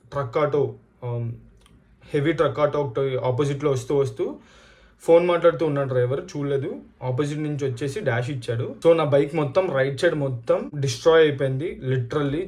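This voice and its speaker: A vlogger from India, Telugu-accented, chats casually with viewers, reviewing a product and telling stories while often code-switching between Telugu and English. His pitch is fairly high and his tone a little mellow.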